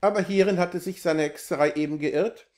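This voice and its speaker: A man's voice: high voice, normal speed, a little mellow. Man reading a classic tale. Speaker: narrator. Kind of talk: scripted literary reading.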